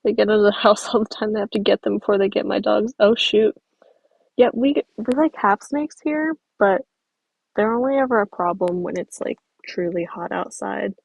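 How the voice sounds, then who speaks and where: A young Southern American woman, a stop-motion creator, chats casually on a livestream and reads viewer comments aloud. Her mid-range voice is gravelly with a breathy edge at normal speed, and she rambles warmly, laughing easily and using lots of fillers. The recording is dry and the audio quality poor.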